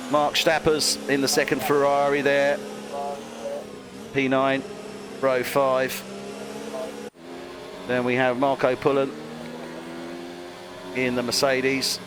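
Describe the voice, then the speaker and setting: A man calls a race in a slow, relaxed, chatty way, laughing at his own mistakes. His home mic carries a clear, steady hiss of noise behind him. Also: mid-range voice. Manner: chatty, self-deprecating, laughs often. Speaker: lead commentator. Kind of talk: casual amateur race commentary.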